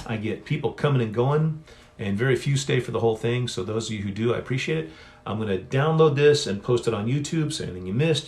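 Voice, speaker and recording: A middle-aged man hosting a solo author livestream Q&A, talking in a rambling, chatty way and often correcting himself, recorded on a phone. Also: mid-range voice. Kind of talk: casual solo livestream chat. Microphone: phone on a stand.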